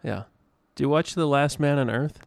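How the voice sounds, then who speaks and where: A man hosting a casual chat, easygoing and quick to laugh, asking questions and chiming in with short agreements. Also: on the high side, vocal fry, no room sound. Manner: easygoing, laughs often, brief agreeing replies. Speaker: podcast host asking questions.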